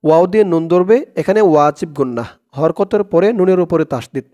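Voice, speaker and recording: A man with a Bangladeshi Bengali accent teaches the Quran word by word, drawing out slow recitation and giving quick spoken explanations in between. His voice is on the high side, animated, and mellow.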